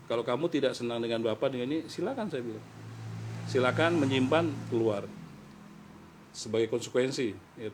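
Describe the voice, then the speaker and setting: A man's voice: mid-range voice, darkish tone, a little hiss or hum, poor audio. Earnest fatherly man telling his story. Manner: earnest, fatherly, speaks in quoted advice to his ward. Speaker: guest, foster father and football mentor. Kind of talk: heartfelt conversational storytelling.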